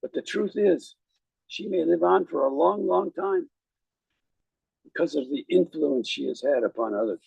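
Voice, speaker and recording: Guy doing a graveside eulogy like a rabbi, gravelly voice, measured and reflective, pretty dry sound. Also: a little high, a little mellow, no echo, highs cut off. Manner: measured, reflective, with deliberate pauses. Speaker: rabbi officiating at a funeral.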